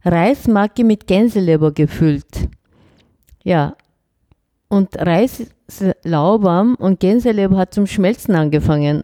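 A woman chef, a native Korean speaker, chatting in an interview, animated and often searching for words. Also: mid-range voice, no room sound, studio quality. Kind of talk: casual interview chat.

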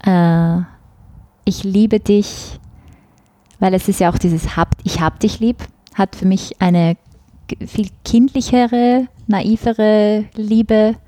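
A woman with a Viennese accent, a cabaret artist talking as a guest in a casual interview, lively, laughing often and searching for her words. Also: medium pitch, slow pace, dry recording. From Austria.

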